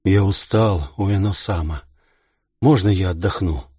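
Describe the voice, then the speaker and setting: A man's voice: low-pitched, measured pace, warm tone, slightly rough, no echo, studio quality. A man voicing a stubborn, proud young male sergeant pilot, strained and defiant. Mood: weary. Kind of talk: audiobook character reading.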